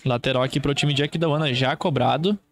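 A man's voice: mid-range voice, a little fast, fairly bright tone, a little hiss or hum. A man with a Brazilian accent doing live football play-by-play as a commentator, in short clipped running phrases.

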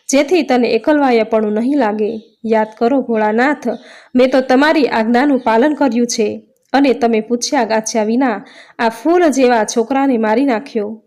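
A woman's voice: on the high side, darkish tone, close to an everyday voice. A woman voicing a grieving, indignant mother goddess in a told religious story, speaking in a pleading, reproachful way.

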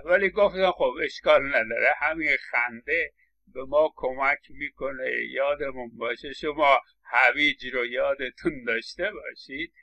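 A man's voice: mid-range voice, sharp tone, rough recording. A middle-aged man lecturing on English phonetics, explaining patiently and stressing words as he repeats examples, with English words spoken. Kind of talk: recorded lecture.

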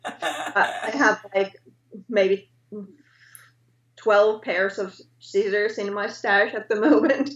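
A Finnish woman in her thirties, a guest artist, speaks English with a Finnish accent in a casual video-call interview, hesitating, often pausing to find words and correcting herself. Her voice is mid-range and a bit bright. She's in her home art studio indoors, and the webcam gives a roomy, dull, lo-fi sound.

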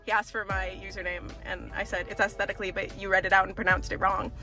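A woman's voice: medium pitch, level tone, quick pace, sharp tone, soft background music. A woman casually telling a story to a friend, giggly, acting out quoted dialogue. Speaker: vlogger's friend.

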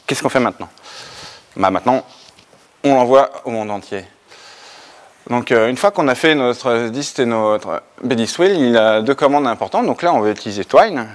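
A man from France giving a technical conference talk, with frequent fillers and restarts. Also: medium pitch. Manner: hesitant, many fillers and restarts. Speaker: conference speaker.

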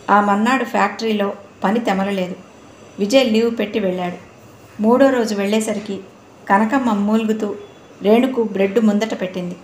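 A woman narrating an audio novel in a steady, even storytelling manner. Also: mid-range voice. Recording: roomy room, faint noise.

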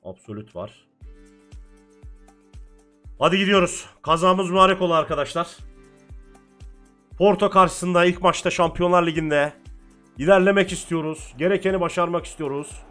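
Young man, fired-up play-by-play gaming commentary, higher-pitched voice, faint music behind. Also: moderate pace, pauses often. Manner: shouts encouragement at his players, calls play-by-play. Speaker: gaming streamer. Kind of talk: excited football game commentary.

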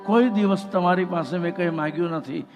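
A man's voice: sits high, a little fast. A man voicing Yashoda, a middle-aged mother, speaking earnestly and beseechingly in a religious storytelling. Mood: pleading. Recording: reverberant hall, faint music.

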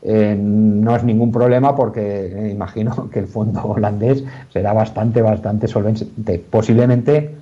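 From his office, a male lawyer patiently works through a legal question, often using fillers and restarting sentences. His mellow, dark voice sits fairly low with fairly even intonation, a measured pace and few pauses. The audio arrives over a dull, lo-fi video call.

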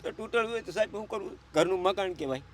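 A man's voice: high-pitched, racing, a little hiss or hum. A middle-aged man, crying and pleading, telling of his hardship and calling the interviewer sir again and again. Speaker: interviewee, father in need. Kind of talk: emotional conversation.

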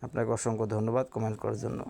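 A woman vlogger from Bangladesh with a Bangladeshi Bengali accent, reading viewer comments aloud in a slow, earnest, casual way and blessing each commenter by name. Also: a bass voice, level tone, gravelly, dark tone. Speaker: lifestyle vlogger.

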